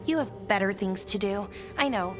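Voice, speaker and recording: An actress lightly plays a gentle, earnest young woman who is an artifact expert in a video game, speaking conversationally with slight hesitancy and sounding grateful. Her voice is mid-range and moderately paced, with music in the background.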